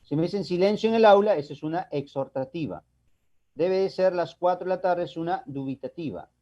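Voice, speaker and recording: A man's voice: high voice, brisk, dark tone. A man teaching a language class, explaining step by step and asking and answering his own questions. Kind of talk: recorded online class lecture. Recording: dull lo-fi recording.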